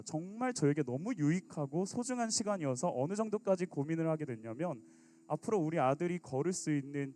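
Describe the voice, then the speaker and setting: A man in his thirties preaching a youth sermon as pastor, acting out sulky teens and quoted lines with big swings in his voice. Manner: animated, acts out teen sulking and quotes with big pitch jumps.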